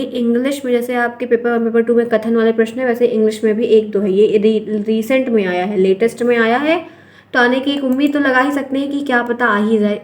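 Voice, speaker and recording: Indian lady teacher going through exam questions, talks to viewers as friends, fairly high voice. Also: darkish tone. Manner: explains step by step, addresses viewers as friends. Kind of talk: exam-prep lesson.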